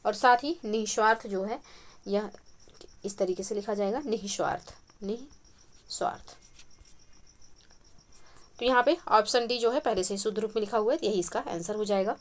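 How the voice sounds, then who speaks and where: A woman teaching a spoken quiz lesson for an exam, explaining each answer in a steady, repetitive way, recorded at home at night. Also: medium pitch, brisk. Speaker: Hindi exam-prep teacher. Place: home at night, street noise outside.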